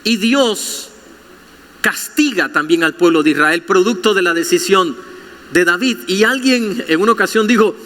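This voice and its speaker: A male pastor preaching in a high, bright, forceful voice, turning to his congregation with question after question. His words ring out with the long reverb of a big church hall. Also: lively intonation, moderate pace. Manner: addresses listeners directly with rhetorical questions. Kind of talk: sermon.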